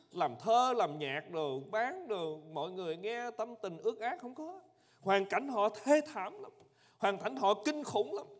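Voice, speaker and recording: Preaching in a church, a male pastor delivers his sermon emphatically, alternating between loud cries and quiet, low phrases. The sound suggests a large hall.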